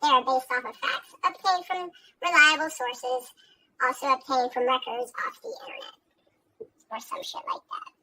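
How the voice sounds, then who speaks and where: Woman's voice sped up into a squeaky chipmunk. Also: normal speed, pushed and bright, a little hiss or hum, poor audio. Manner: giggly, trails into a whisper and laughs. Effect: sped-up high chipmunk voice filter. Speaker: livestream host reading a disclaimer. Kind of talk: mock-formal disclaimer reading.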